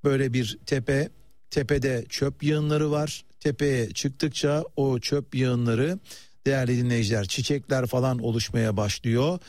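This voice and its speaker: A man's voice: medium pitch, fairly even intonation, unhurried, a little mellow, no echo. A man presenting live radio news with commentary, addressing listeners in a hesitant, conversational way and turning to colleagues mid-broadcast.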